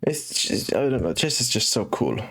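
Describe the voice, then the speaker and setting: A young man from Finland comments on his chess game while he chats. His English carries a Finnish accent that mixes in British and American English. His voice sits at an ordinary pitch, and he thinks aloud with many fillers and restarts. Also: sing-song, moderate pace, a bit bright, breathy edge. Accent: Finnish, with British and American English mix. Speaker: chess streamer. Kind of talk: casual live-stream commentary.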